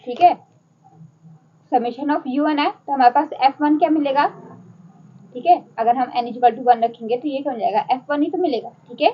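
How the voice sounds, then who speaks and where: High-voiced Hindi-accented woman lecturing. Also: moderate pace, husky, dull audio. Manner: explains step by step, asking and answering her own questions. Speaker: math lecturer. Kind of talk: whiteboard math lecture.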